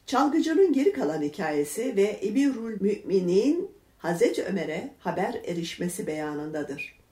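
Woman reading a religious tale, roomy echo. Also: medium pitch. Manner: measured, expressive reading with verse numbers read aloud. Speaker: reader. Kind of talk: narrated religious storybook reading. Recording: echoey room.

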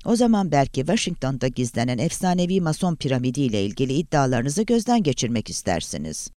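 A man's voice: mid-range voice, very animated, fast talker, warm tone, no room sound, clean studio sound, natural voice. A man voicing a stern, commanding woman official who speaks in a curt, cool manner.

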